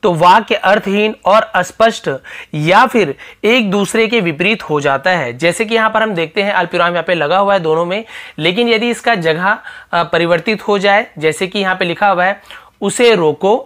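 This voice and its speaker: A male teacher giving a recorded grammar lesson, explaining patiently step by step and repeating each example sentence with pauses. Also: high-pitched, fairly bright tone. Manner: frequent "uh" fillers.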